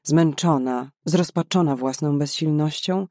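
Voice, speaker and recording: Man narrating an audiobook, slightly high voice. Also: unhurried, a little mellow, dry recording, clean studio sound. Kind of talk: scripted narration.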